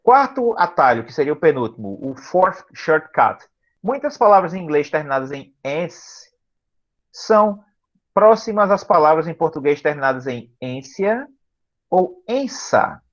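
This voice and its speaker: A tired male teacher explaining vocabulary to a class over a video call, patient and slow, often checking that students follow. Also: a little high, very animated, highs cut off. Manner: patient, repeats words slowly and checks understanding often. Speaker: English teacher.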